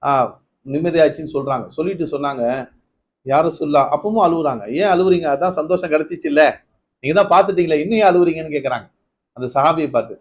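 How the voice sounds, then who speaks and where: A man giving a Ramadan night sermon, telling stories, asking his listeners questions, rising to emphatic peaks and then dropping low. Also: quick pace. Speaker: preacher.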